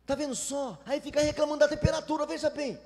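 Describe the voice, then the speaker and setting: A man's voice: very high-pitched, steady tone, fast talker, creaky, darkish tone, long reverb tail. A Brazilian man preaching a sermon as a pastor, emphatic, sometimes acting out whiny complaining churchgoers. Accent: Brazilian Portuguese.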